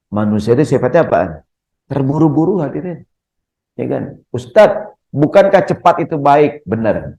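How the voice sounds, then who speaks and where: Man, middle-aged preacher, lively joking sermon, keeps asking the crowd questions, mosque talk. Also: mid-range voice, dull audio. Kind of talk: humorous Ramadan sermon.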